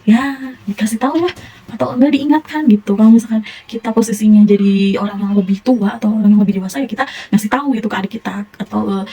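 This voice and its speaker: Young Sundanese woman teacher, fast and encouraging, mellow husky voice, for a primary classroom. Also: mid-range voice, poor audio. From Indonesia. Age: young adult. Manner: encouraging, praising pupils often.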